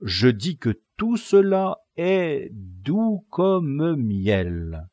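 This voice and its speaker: A man's voice: on the high side, very animated, drawn-out words, a little mellow, dry recording, pitched above the performer's own voice, full character voice. A gushing romantic servant woman, as a man puts her on. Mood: dreamy.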